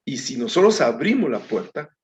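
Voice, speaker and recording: A man's voice: medium pitch, sing-song, normal speed, slight background noise. A man teaching a Bible study in a conversational way, calling his listeners brethren and reading scripture aloud. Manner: reads scripture aloud with small slips. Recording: dull lo-fi recording.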